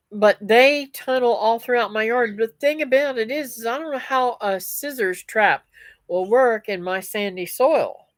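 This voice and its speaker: Reading live comments aloud, this middle-aged homestead vlogger rambles chattily to her stream audience, addressing them as "guys" and "y'all." She speaks fairly high and a little slowly, her voice slightly stuffy and nasal. The recording has no echo.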